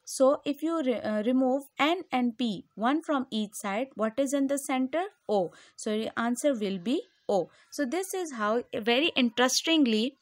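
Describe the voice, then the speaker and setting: A female school teacher with a Pakistani English accent, walking pupils slowly through textbook exercises and repeating each answer. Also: a little high, dry recording. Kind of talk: recorded classroom lecture.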